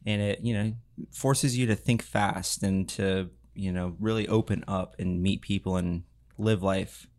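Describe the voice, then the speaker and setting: A man's voice: deep voice, fairly even intonation, measured pace, a little mellow. A man co-hosting a studio podcast, chiming in with encouraging remarks. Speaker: podcast co-host. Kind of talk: casual interview chat.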